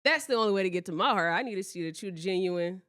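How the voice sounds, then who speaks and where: A woman hosts a podcast in loose, casual chat. She is blunt and swears freely while teasing her friends with affection. Her medium-pitched voice sits close on a dry, unechoing mic. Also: expressive, fast, a bit bright, no room sound. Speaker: podcast host.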